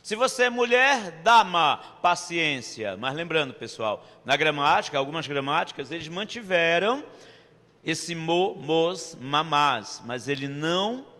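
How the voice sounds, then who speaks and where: A man's voice: a little high, expressive, a little slow, bright, forceful tone, in a large hall. A Brazilian man teaching a grammar lesson with playful asides to his students. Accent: Brazilian Portuguese. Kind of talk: online exam-prep grammar lesson.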